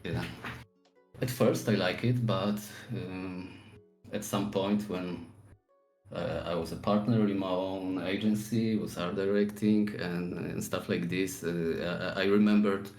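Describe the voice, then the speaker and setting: Man, 40s, Polish accent, very low voice, easygoing, searching for words, echoey room. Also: steady tone, measured pace, a little mellow, faint music behind. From Poland. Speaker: guest artist. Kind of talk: casual podcast interview.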